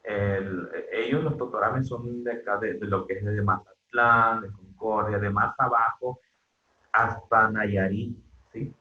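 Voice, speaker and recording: A man from northwestern Mexico teaches an online university class in a lowish voice, full of fillers and restarts as he checks in with students. His voice sounds dull and lo-fi, in a roomy, echoing space. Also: steady tone, a little slow. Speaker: university lecturer. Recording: dull echoey lo-fi room sound.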